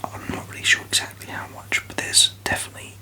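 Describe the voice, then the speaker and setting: A person whispering an ASMR review very softly, with tingly mouth sounds and halting, unhurried phrasing. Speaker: ASMR video host.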